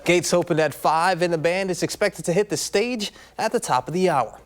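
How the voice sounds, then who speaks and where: Upbeat male news anchor, slightly high voice. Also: moderate pace. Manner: upbeat, conversational asides. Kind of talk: evening newscast reading. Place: TV news studio.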